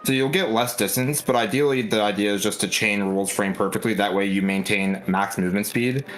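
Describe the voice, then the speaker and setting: A man's voice: lowish voice, a little fast. A man speedrunning and explaining his route in precise, technical terms with a dry, sarcastic edge. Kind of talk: casual explanatory commentary.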